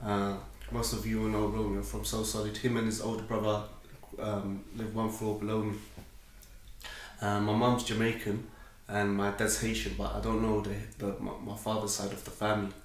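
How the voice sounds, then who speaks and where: A man's voice: on the low side, monotone, moderate pace, slight background noise. A man with a South London accent giving an informal personal testimony in a hesitant, repetitive, slangy way. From South London, England. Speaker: speaker telling his conversion story. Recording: echoey room, distant microphone.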